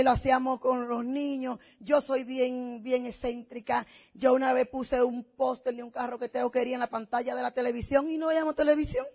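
A middle-aged woman tells her story to a business audience. Her voice sits high, and she talks in a big, emphatic way. It is a motivational testimonial told as a personal story. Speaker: business speaker.

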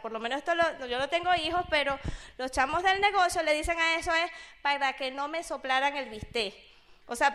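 A woman in her thirties with a Venezuelan Spanish accent tells an audience an animated personal business story, chatting away, acting out what people said, and repeatedly asking "¿sabes?". Her voice is high with a sharp tone.

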